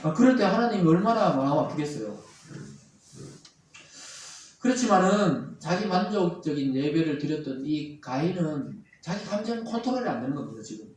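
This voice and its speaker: A male pastor, preaching a sermon in a church sanctuary in an animated way. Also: a little high, moderate pace. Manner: animated preaching, acting out angry quoted voices. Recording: very echoey hall, from far off.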